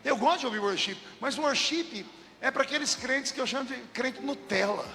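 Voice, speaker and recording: A man with a Brazilian Portuguese accent preaching a lively, humorous storytelling sermon as a pastor, bursting into shouts. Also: very high-pitched, normal speed, in a large hall, background noise.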